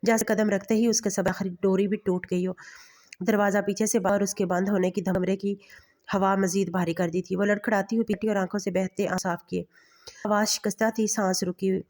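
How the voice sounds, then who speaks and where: A woman storyteller narrating a bedtime romance story with a steady, even reading. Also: medium pitch.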